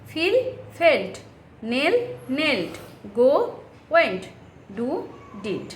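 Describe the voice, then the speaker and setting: A woman teaching an English textbook lesson with a Bengali accent, reading English sentences slowly and then translating them. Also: sits high, big pitch swings. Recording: roomy echo, faint background noise.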